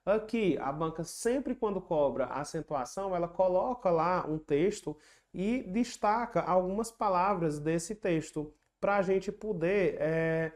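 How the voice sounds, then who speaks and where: In an online lesson, a patient teacher guides students through exam questions, repeating each key rule and explaining carefully. The middle-pitched voice is unhurried and a little mellow, breaking into chanted rhymes as memory tricks.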